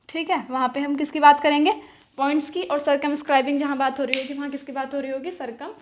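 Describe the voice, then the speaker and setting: A young woman teaching geometry, asking questions and answering them herself, repeating key terms in words. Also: high-pitched. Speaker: math teacher. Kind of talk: explaining at a whiteboard.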